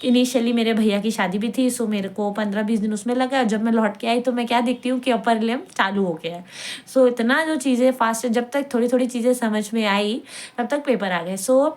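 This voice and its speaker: A woman's voice: fairly high pitch, a little fast, a little mellow. Chatty young woman sharing study tips. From India. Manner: chatty, mixes English into Hindi, keeps asking "ठीक है?". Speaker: medical student giving advice. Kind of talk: casual advice vlog.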